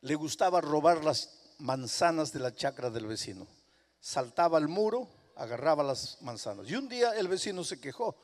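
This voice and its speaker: A man preaching a sermon, telling a story dramatically and building to loud, emphatic climaxes. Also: fairly high pitch, animated, moderate pace. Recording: long hall reverb.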